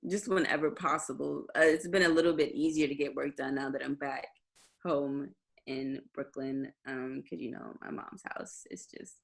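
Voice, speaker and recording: A woman's voice: rumbling low, little pitch movement, normal speed, gravelly. A young adult woman, a musician guest on a video call, chatting casually with lots of fillers and restarts. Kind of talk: casual interview chat.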